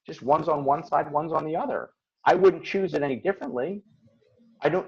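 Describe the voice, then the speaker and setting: A man with a medium pitch, vocal fry, and a breathy edge hosts a casual motivational call as host and coach, with the highs cut off in the audio. He talks earnestly and reflectively, acting out his own inner voice.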